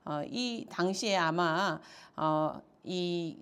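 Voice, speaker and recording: A woman's voice: fairly low pitch, extremely slow, fairly bright tone, clean tone. A woman pastor preaching an expository sermon, retelling the story with acted-out quotes and frequent filler sounds.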